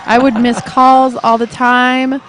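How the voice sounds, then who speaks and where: A woman calls a roller derby bout play by play in a live stream. She talks in a relaxed, chatty way and laughs often at her partner's jokes. A busy arena crowd roars clearly behind her voice. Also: high-pitched, takes it slowly, slight background noise.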